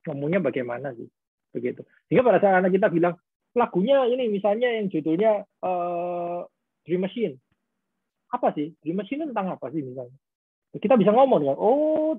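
A man explains parenting ideas in a relaxed, conversational way and acts out little exchanges as he goes. His voice is husky and sits a little high. It is heard dry over thin, phone-like video call audio. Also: no room sound. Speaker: guest speaker on parenting. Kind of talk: webinar Q&A answer.

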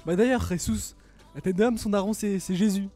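Young man, gaming stream co-host, excitable, teasing, high voice, faint background music. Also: normal speed. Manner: excitable, teasing trash talk, shouts at the game. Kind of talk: live gaming stream banter.

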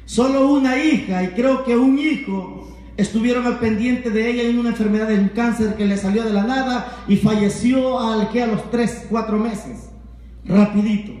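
Male evangelist, high voice, fervent sermon with constant amens, recorded in a very echoey room. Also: steady tone, normal speed, darkish tone. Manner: fervent preaching, rhetorical questions, repeated amens. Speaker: evangelist preacher. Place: home.

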